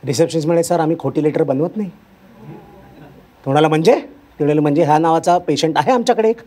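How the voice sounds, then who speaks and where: A man's voice: fairly high pitch, a little fast. A male stand-up comedian telling a story on stage, acting out the people in it. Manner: animated, acts out characters' lines. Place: stage before a live audience.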